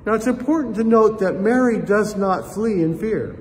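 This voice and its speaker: An older pastor preaches a reflective sermon in a church sanctuary, gesturing as he speaks and calling his listeners friends. His high-sitting voice is a little mellow at normal speed, recorded by a chest-height camera he sits facing, with long church reverb and faint room noise.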